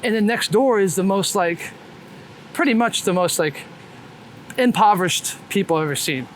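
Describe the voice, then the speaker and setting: Interviewed outdoors as a street photographer, this man talks frankly and informally as he walks, cursing freely and leaning on fillers like "man" and "like." His voice sits high. City sounds and traffic are clearly audible around him.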